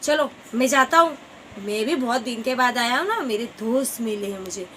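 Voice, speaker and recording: A woman voicing a bossy but kind older raindrop brother in a children's story, speaking in a brisk, scolding tone. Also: fairly high pitch, lively intonation, a bit bright, slight background noise.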